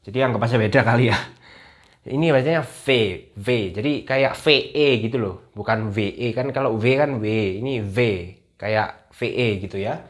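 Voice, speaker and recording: A young man giving a casual video lesson, chatty and friendly in tone, repeating each letter slowly to drill it. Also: medium pitch. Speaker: language teacher.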